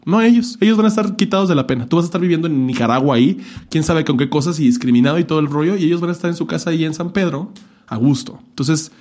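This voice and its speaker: Hombre de acento mexicano; conversación casual, directo, groserías y humor camp en sus consejos. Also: male voice, a little high, rapid-fire, darkish tone. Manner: frank, profane, earnest advice with campy asides. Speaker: podcast guest telling his coming-out story. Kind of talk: casual chat.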